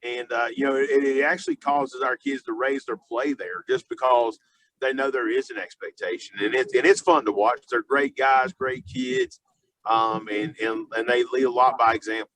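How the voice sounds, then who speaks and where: Halting male football coach in an interview. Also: medium pitch, steady tone, a bit bright, slight background noise, rough recording. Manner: halting, filler-heavy, repeats and restarts phrases often. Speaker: high school football coach being interviewed. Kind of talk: spontaneous sports interview.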